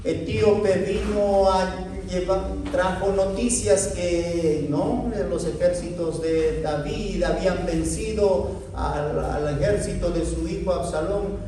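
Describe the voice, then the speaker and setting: A man's voice: high voice, steady tone, slow pace, few pauses, far from the mic, noisy background. A man preaching a sermon as pastor, with fervent emotional delivery that climbs sharply at its peaks. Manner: emotional preaching, voice rising sharply in the cries of the quoted lament. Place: large echoey church hall. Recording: very echoey hall, voice heard from afar.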